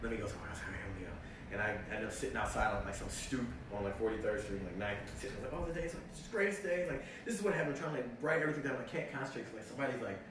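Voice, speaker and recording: A young man telling a story in casual chat, animated and full of "like", acting out his own reactions. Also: medium pitch, racing. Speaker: actor telling a story on a livestream. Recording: echoey, distant mic, faint noise.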